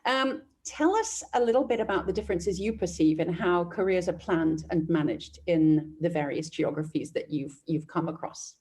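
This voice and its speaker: A woman hosting a podcast interview, asking questions and reflecting in a measured way. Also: fairly low pitch, darkish tone.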